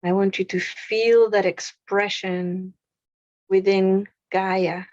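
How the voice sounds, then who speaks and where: A woman leading a guided meditation in a soothing, unhurried way, with pauses between short phrases. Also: medium pitch, little pitch movement, darkish tone, dry recording, lo-fi sound.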